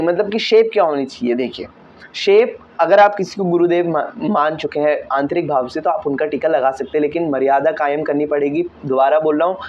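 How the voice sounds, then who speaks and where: High-voiced earnest teen boy vlogger. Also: a little mellow, muffled recording, slight background noise. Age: teens. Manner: earnest, repeats "theek hai" often. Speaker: vlogger answering viewer questions. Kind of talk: casual Q&A talk.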